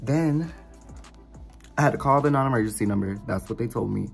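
A woman's voice: a bass voice, fairly quick, creaky, soft background music. A young adult woman vlogging in a casual, exasperated rant, swearing freely as she talks. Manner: profane, exasperated ranting. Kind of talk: casual ranting vlog.

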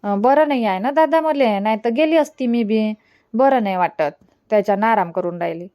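A woman's voice: a little high, normal speed, warm tone, no echo, clean studio sound, lightly acted. A woman playing a fretful, chatty village mother who is unwell.

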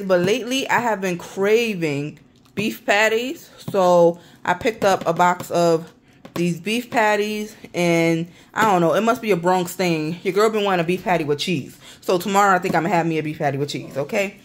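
A woman's voice: lowish voice, slight background noise. A woman, chatting casually to viewers through a grocery haul vlog in her apartment kitchen. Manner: chatty, talks straight to viewers as y'all. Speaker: vlogger. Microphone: handheld phone camera.

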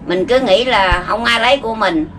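A woman's voice: a little high, normal speed, fairly bright tone, a little hiss or hum. A woman in her seventies with a Southern Vietnamese accent, giving short, plain answers in a casual interview at her makeshift home. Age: 70s. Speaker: lottery ticket seller.

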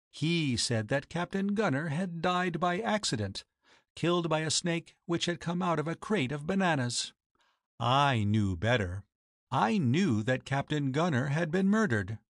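A man's voice: a little high, no room sound, studio quality, voice pushed up. A man reading the lines of a proud, cold woman who keeps a boarding house, speaking formally and accusingly. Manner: formal, accusing, coolly biting.

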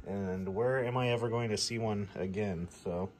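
A lowish, somewhat dark-toned male voice speaks at normal speed while showing how to repair a radio, informal and down-to-earth. The indoor workshop's ambience is clearly heard.

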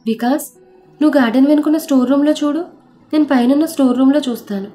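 A woman voicing a commanding, worried older matriarch who gives orders and accuses, in a higher, mellow voice. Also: fast, faint music behind, close to an everyday voice. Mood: urgent. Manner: bossy, accusing.

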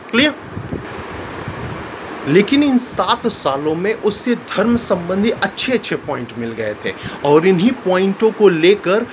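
A man teaching a school history lesson, explaining step by step, acting out quotes and often checking with "clear?". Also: high-pitched, noisy background. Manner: explanatory, keeps asking "clear?" and acts out quotes.

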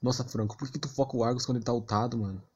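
Speaking very fast in a steady, medium-pitched voice with a breathy edge, a Brazilian-accented streamer commentates on his gameplay. He's blunt and slangy, throwing in some mild swearing.

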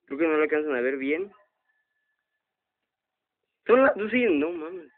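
A young Mexican man with a high, keyed-up voice plays a horror game and curses at every scare, yelping in panic. The sound is thin and boxy, like it was captured on a phone. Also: expressive, unhurried. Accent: Mexican Spanish. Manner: swearing constantly, yelping in panic. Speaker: gamer host. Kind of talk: let's play commentary. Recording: tinny lo-fi phone recording.

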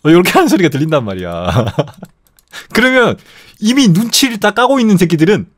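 A middle-aged man hosting a casual live stream, telling stories in a rough, profane, animated way. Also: sits high, a little fast, no room sound. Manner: profane, animated storytelling with constant swearing. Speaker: streamer host.

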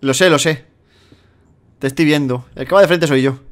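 A man, chatting and playing a game with a friend, excitable and quick to shriek. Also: on the high side. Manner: excitable, squeals and shrieks when startled. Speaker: gamer playing together online. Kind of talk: casual let's-play banter.

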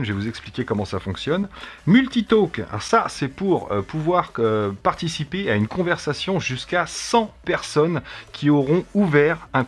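A middle-aged man from France hosting a casual tech review, chatty and relaxed, often pausing to hesitate as he demonstrates a device. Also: medium pitch. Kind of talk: casual product demo.

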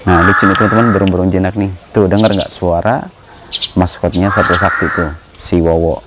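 A man's voice: sits low, steady tone, a little fast, heavy background noise. A man hosting a pet-bird vlog, chatting casually in slang and coaxing his birds like pets. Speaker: animal channel host.

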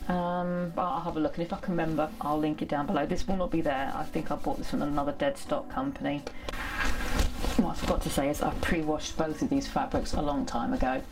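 A woman's voice: low-pitched, steady tone, a little fast. A middle-aged woman with a chatty, self-deprecating manner, talking casually through her sewing project at home. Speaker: sewing vlogger. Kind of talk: casual sewing vlog chat. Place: home sewing room, indoors.

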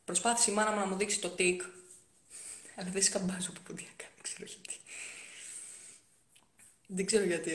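Young woman streamer on her phone at home, chatty, answers comments, roomy sound. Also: medium pitch. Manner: chatty, reads comments aloud and answers them, with frequent soft-spoken asides. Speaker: live streamer. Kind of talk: casual live-stream chat answering viewer comments.

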